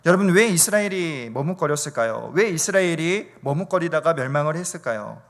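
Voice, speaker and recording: A middle-aged male pastor preaching in a church, with a slightly high voice. He swings from loud, fervent peaks to quiet, low asides and drives his points home with repeated rhetorical questions. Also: animated, a little fast. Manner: repetitive rhetorical questions and refrains. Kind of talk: sermon. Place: church sanctuary.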